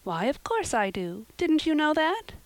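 Woman playing loyal young girl best friend, high pitch, plaintive, emphatic, earnest, storybook character. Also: big pitch swings, a little slow, no room sound. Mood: surprised affection. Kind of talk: audiobook character voice.

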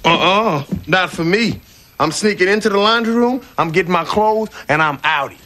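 Very high-pitched, exasperated guy. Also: normal speed. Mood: sneaky, sarcastic. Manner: sarcastic, flustered. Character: exasperated, wisecracking young sitcom man dodging unwanted advances. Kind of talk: broad sitcom acting. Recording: loud studio audience noise.

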